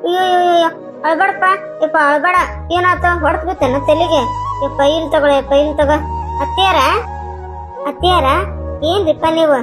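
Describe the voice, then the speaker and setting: A woman's voice: very high-pitched, steady tone, brisk, pauses often, music in the background. A woman voicing a patient young daughter-in-law and mother in a cartoon, pleading politely in a North Karnataka Kannada accent.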